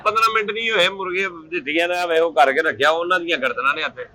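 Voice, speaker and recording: A man's voice: a little high, crowd noise. A man playing a chicken shop keeper in a comedy sketch, with a Punjabi accent and a mocking, exasperated way of talking. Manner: mocking, exasperated, quick retorts. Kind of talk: scripted comedy sketch banter.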